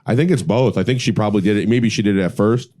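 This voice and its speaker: A man with a low voice talks in a laid-back, rambling way. He thinks out loud and laughs along in a casual podcast chat. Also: fast talker. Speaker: podcast guest.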